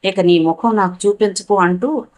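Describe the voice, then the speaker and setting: A woman's voice: mid-range voice, moderate pace, darkish tone, lightly acted. Woman reading as a furious young man. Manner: harsh, threatening. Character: angry young man scorning a deceitful woman.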